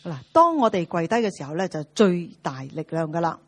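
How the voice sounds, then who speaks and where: Quick, husky woman interpreting a sermon. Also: fairly low pitch, very animated. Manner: quick, with many filler particles.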